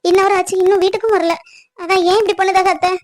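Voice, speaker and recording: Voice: very high-pitched, level tone, quick pace, dry recording. A performer voicing a worried young bride-to-be in a cartoon, speaking in a pleading, anxious way. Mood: upset. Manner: pleading, anxious, breaks into tears. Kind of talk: cartoon voice acting.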